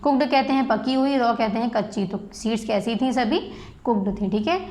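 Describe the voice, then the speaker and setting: A woman school teacher with an Indian English accent, slowly explaining a class exercise in Hindi and spelling English words letter by letter. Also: fairly high pitch, a little mellow.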